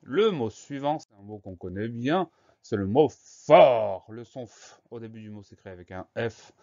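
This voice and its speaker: A man's voice: fairly low pitch, expressive, normal speed, darkish tone, dull audio. A man teaching a spelling lesson to young children, patiently spelling each word out letter by letter.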